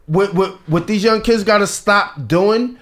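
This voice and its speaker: Slightly high-voiced man musing aloud. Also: measured pace, a bit bright. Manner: reflective, repeats words while building a point. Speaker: podcast co-host. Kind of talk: casual chat.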